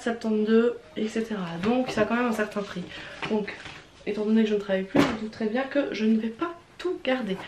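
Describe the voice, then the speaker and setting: A young vlogger with a Swiss French accent, stuffy from a cold, unboxes clothes and tries them on while chatting frankly and hesitantly, full of fillers and restarts. Her voice is fairly high and a little mellow. The room sounds roomy, with faint background noise.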